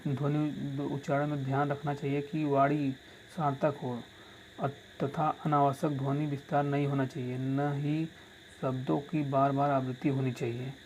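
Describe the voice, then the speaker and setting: A man's voice: medium pitch, darkish tone, slight background noise, low-quality recording. A male teacher dictating exam answers and repeating lines so students can write them down. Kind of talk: exam-prep lesson.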